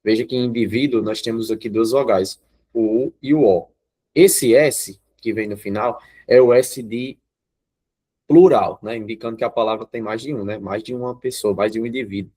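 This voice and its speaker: A Brazilian man teaching a grammar class, explaining patiently at an ordinary pitch. He keeps asking his students if they follow, calling on them by name. He sounds relaxed and easygoing. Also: moderate pace. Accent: Brazilian Portuguese. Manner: explanatory, checks in with students often.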